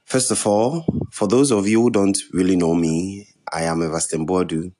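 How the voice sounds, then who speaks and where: Deep-voiced young West African man. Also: fairly even intonation, normal speed, mellow. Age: young adult. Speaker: podcast host. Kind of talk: introductory solo podcast talk.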